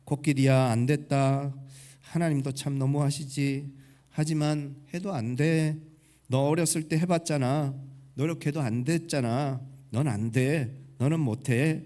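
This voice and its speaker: A man voicing a sly, taunting wolf in a sermon story, speaking softly and mockingly. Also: on the high side, fairly even intonation, unhurried, lightly acted. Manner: soft, mocking, belittling.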